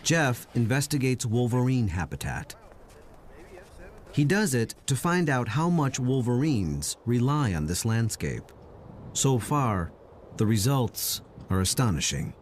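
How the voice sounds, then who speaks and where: A man's voice: medium pitch, very animated, measured pace, slight background noise. A man reading scripted narration for a nature documentary.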